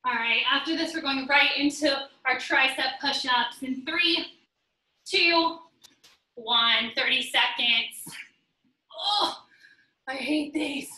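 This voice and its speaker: A young woman leads a guided workout class, counting down each set and cueing form while she does the moves herself. Her voice is very bright and sits high. She sounds set back from the mic in a roomy space. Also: slow, recorded from a distance. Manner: steady counting cues, instructive while exercising. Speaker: fitness instructor.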